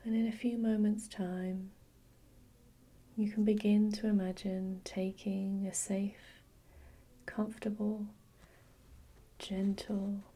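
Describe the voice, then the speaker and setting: A woman whispering a slow, soothing guided relaxation with gentle repetition. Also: mid-range voice, level tone, slightly rough. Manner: soft unvoiced whisper. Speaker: hypnosis guide.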